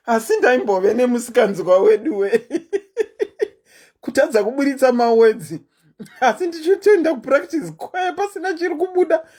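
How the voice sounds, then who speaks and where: On a casual livestream she hosts, a woman with a deep voice and Zimbabwean accent tells stories in a lively, talkative manner.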